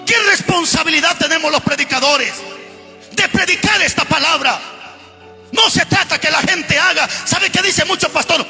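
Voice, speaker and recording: A male pastor from Guatemala preaching a fervent, emphatic sermon in a church, often raising his voice to a shout. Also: extremely high pitch, moderate pace. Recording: long hall reverb with music behind.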